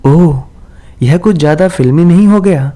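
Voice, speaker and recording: A man's voice: fairly high pitch, moderate pace, dark tone, voice pushed up, natural voice. A man voicing a friendly young office worker in a spoken horror story, talking in a casual, amused, questioning way. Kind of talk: storybook dialogue reading.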